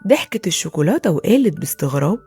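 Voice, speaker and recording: A woman with an Egyptian Arabic accent narrating a children's bedtime story in an expressive, soothing way. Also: fairly low pitch, very fast, slightly rough, faint music behind.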